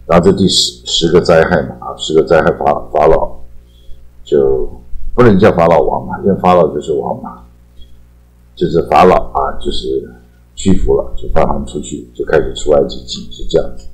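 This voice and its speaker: Older man, Taiwanese Mandarin accent, very deep voice, relaxed chatty teacher who draws out his particles, soft music bed. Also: rough recording. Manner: chatty, drawn-out sentence-final particles. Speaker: English teacher. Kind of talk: casual explanatory lesson.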